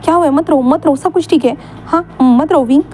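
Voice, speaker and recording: A regretful young man begs softly for forgiveness, voiced by a woman reading a story aloud. His voice is high and warm. He keeps the tone gentle and pleading. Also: fairly quick, slight background noise, natural voice. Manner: soft, pleading.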